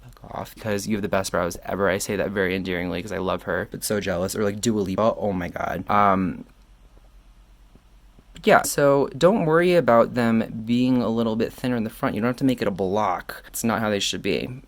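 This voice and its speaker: A man's voice: lowish voice, normal speed. A man giving a casual makeup tutorial while tipsy from wine, candid and cheeky, rambling and correcting himself as he goes. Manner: rambling, self-correcting, loses train of thought. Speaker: makeup reviewer.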